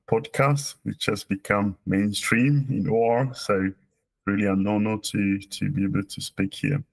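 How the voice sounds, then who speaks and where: A Cameroonian operational research professor in his forties joins a casual video call interview as a guest, speaking with many hesitations and restarts. His voice is fairly low, and the webcam audio from his small indoor office is low quality.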